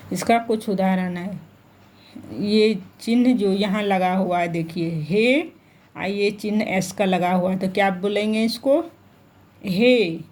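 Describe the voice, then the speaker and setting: A woman's voice: mid-range voice, darkish tone. A woman teaching a grammar lesson to children, repeating each point and asking them questions as she goes. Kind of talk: online Hindi grammar lesson.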